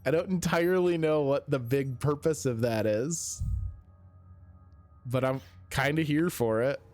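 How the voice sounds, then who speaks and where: A man's voice: mid-range voice, a little slow, a little mellow, soft background music. A man giving casual video game commentary as a streamer, thinking aloud in a musing, self-questioning way.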